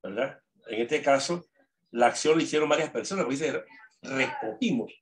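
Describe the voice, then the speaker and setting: A male teacher giving a remote lesson. He speaks slowly and with emphasis, and he keeps asking "¿verdad?" to check that students follow. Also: medium pitch. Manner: repeats "¿verdad?" often, slow emphatic dictation.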